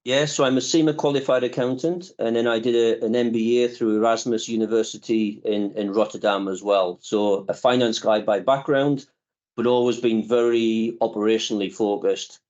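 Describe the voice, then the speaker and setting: Answering an interviewer, the chief executive, a man in his fifties, is measured and reflective and pauses a lot. His medium-pitched voice is steady and darkish, and the recording has its highs cut off.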